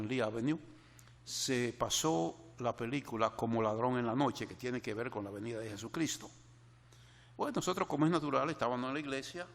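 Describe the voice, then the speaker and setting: Gravelly older male preacher, echoing hall. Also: mid-range voice. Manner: earnest, repeats key phrases for emphasis. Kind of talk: sermon meditation with personal story.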